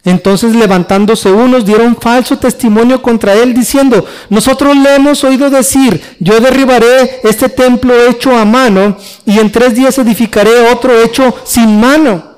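Male preacher, high-pitched, reading scripture and expounding it with emphatic, rising delivery. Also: steady tone, normal speed, few pauses, smooth. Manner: reads scripture then explains it, rising emphatically on quoted questions. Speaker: pastor. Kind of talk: expository sermon.

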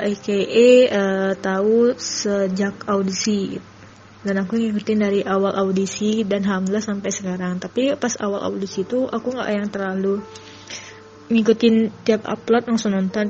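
A woman's voice: medium pitch, darkish tone, muffled recording. A woman from Padang telling how she became a fan, rambling casually with many fillers. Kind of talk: recorded fan testimony.

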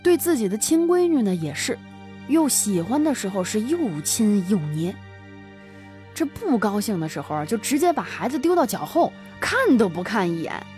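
Woman storyteller, dramatic and sigh-heavy, very lively pitch, soft music underneath. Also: moderate pace. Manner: dramatic, full of sighing interjections. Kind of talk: animated storytelling chat.

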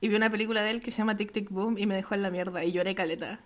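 A woman's voice: mid-range voice, steady tone, very fast. A young woman with a Chilean accent, chatting casually as a podcast co-host, swearing freely, laughing and gushing like a fan. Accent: Chilean Spanish. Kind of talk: casual chat.

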